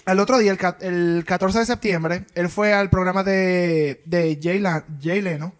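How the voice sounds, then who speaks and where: Animated man telling gossip, mixing in English. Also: high-pitched, unhurried, clean tone. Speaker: podcast host. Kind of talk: casual chat.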